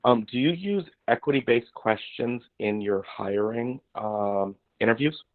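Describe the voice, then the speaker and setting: Brief: halting man on a remote call, glitchy breaking-up audio, thin and tinny line. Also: mid-range voice. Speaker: board member. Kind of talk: remote meeting question. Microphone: remote video call.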